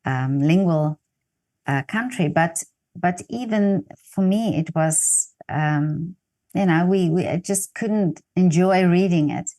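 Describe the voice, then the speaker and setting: Low-voiced South African Afrikaans-speaking woman. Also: slow pace, mellow. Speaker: interviewer. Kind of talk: casual conversational interview.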